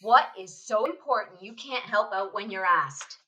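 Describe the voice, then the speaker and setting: A woman's voice: mid-range voice, expressive, moderate pace, pushed and bright, slight background noise, poor audio. A woman playing a bitter, crass middle-aged mother who scolds and sneers at her kids in a student radio play. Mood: scolding. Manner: nagging, scolding, sarcastic.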